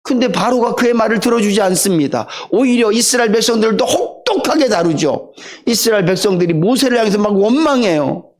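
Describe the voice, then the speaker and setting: A middle-aged male pastor giving a Sunday sermon, telling the story with lively rhetorical questions to the congregation. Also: sits high, brisk.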